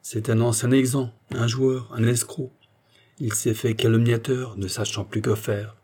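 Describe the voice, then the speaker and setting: A man reading the part of a calm, disdainful doctor in an audiobook, speaking in a measured, cool way. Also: mid-range voice, natural voice.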